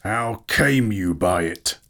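Raging and scornful, a man gives low-pitched voice to a proud, bitter dwarf king in a dramatic storybook reading. His delivery is gruff, imperious and slow.

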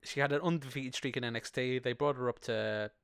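A man's voice: mid-range voice, fairly even intonation, fairly quick, vocal fry, fairly bright tone, smooth, dry recording, clean studio sound. A man co-hosting a podcast, chatting casually and rambling about a TV episode, laughing often and swearing now and then. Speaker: podcast co-host. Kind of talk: casual chat reviewing a TV episode.

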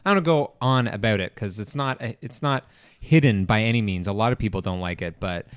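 A man's voice: fairly low pitch, brisk, smooth, no room sound, studio quality. A man co-hosting a podcast, chatting casually and rambling, swearing often and filling his talk with "like" and "you know". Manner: rambling, profane, lots of fillers and restarts. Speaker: podcast co-host. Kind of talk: casual chat.

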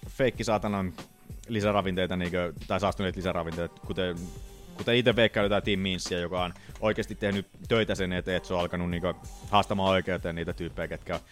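Deep-voiced man, animated podcast chat. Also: faint music behind. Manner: animated, swearing, tells stories with acted voices. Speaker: podcast co-host. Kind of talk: casual chat.

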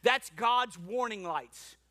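A man's voice: high voice, lively intonation, slow, pushed and bright. A man from New Orleans preaching a sermon as a pastor, with rhetorical questions and repetition. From New Orleans, USA.

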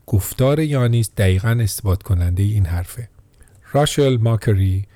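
A man narrates a documentary script in a steady, measured voice. His tone is very dark and mellow, and his pitch sits low. The recording is dry and close, with no room sound. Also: no room sound. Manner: steady, measured reading of quotes and events.

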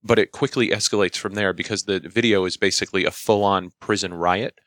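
A man's voice: low-pitched, fairly even intonation, fairly quick, fairly bright tone, no room sound, clean studio sound. A man co-hosting a podcast, telling anecdotes in casual chat. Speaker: podcast co-host.

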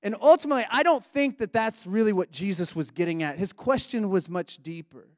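A man's voice: high voice, animated, a little fast, a little mellow, dry recording, clean studio sound. A man preaching a reflective, conversational sermon.

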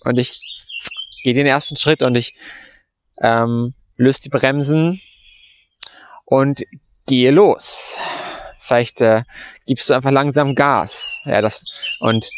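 A man's voice: medium pitch, steady tone, slow, pauses often, slight background noise. A man hosting a podcast as a meditation coach, telling a story casually and in slangy words, with lots of fillers and restarts. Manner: rambling, heavy on fillers and restarts; colloquial, slangy.

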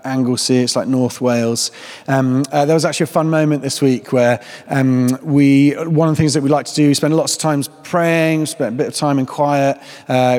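Male vicar, mid-pitched, relaxed joking sermon, long hall reverb. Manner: casual, joking, many fillers. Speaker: Church of England vicar.

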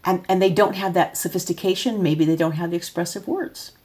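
A woman's voice: on the low side, fairly even intonation, a little fast, a little mellow. A middle-aged woman, a parent, explaining things step by step in casual, thoughtful talk, often restarting her sentences. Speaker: parent of a child with developmental delay.

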